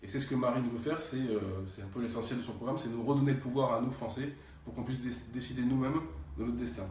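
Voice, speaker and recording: A man's voice: medium pitch, fairly even intonation, quick pace, darkish tone, a little hiss or hum. A man hosting a live stream, asking guests questions and reading viewer comments aloud. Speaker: host. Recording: distant echoey room sound.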